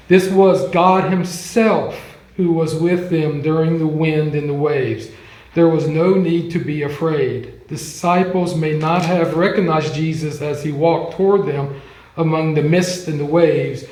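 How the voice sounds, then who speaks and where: A man teaching a Bible class in a casual, chatty way, with frequent ums and quick acted-out quotes. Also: on the high side, a little mellow. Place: church classroom. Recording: echoey room.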